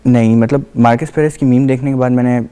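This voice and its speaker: A man's voice: medium pitch, steady tone, warm tone, clean tone. Young man giving short, hesitant answers. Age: young adult. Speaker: student guest. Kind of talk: talk show interview. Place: TV studio.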